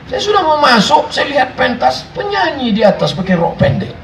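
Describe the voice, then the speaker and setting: High-voiced preacher joking with a crowd. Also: male voice, sing-song, brisk, creaky, background noise. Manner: jokey storytelling, acts out voices and sings snatches of songs. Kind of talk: humorous sermon to a live congregation. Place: large hall with congregation. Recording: roomy, distant live recording with crowd. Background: congregation laughing.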